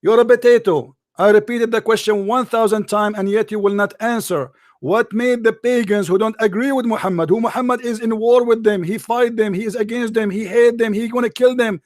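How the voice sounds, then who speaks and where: Combative hoarse man. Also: sits high, steady tone, fairly quick, hardly any pauses, no room sound, clean studio sound. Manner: combative, repeats questions insistently, taunting. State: hoarse from shouting. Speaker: host of a live call-in debate show. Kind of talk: heated call-in debate.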